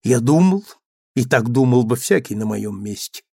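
Brief: male reader doing a cold young husband, stern and abrupt, gravelly, in a dry booth. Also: medium pitch, measured pace, darkish tone, no echo. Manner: cold, abrupt, rising to exasperation. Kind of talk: audiobook character reading.

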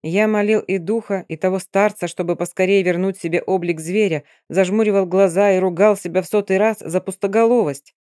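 An audiobook narrator reading a first-person dark fantasy story in a steady storytelling manner. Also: medium pitch, fairly quick, hardly any pauses, dry recording, clean studio sound.

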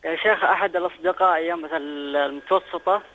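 A man's voice: high-pitched, racing, sharp tone. A man asking a casual question as a phone caller. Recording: dull lo-fi phone call.

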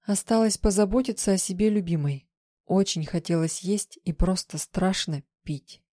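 A woman's voice: fairly low pitch, moderate pace, dark tone, dry recording, clean studio sound. A woman narrating a first-person fiction audiobook with tense, vivid storytelling.

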